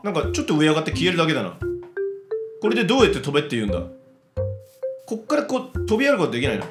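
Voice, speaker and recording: A man giving casual let's-play commentary, chatty and excitable, talking to himself as he plays. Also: fairly high pitch, very fast. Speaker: game commentator. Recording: roomy echo with background music.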